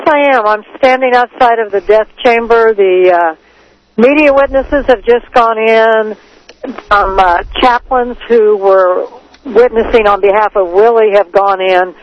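A woman's voice: on the high side, dull audio. A woman reporting live from outdoors over a phone-in, plain-spoken and blunt with some fillers. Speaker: field reporter. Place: outdoors outside a prison.

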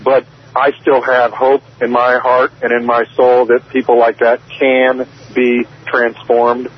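A man's voice: mid-range voice, monotone, unhurried, dull audio, a little hiss or hum. A man, a professor calling in to a radio show, speaking earnestly and with feeling. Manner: earnest, impassioned, repeats words. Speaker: professor, phone guest.

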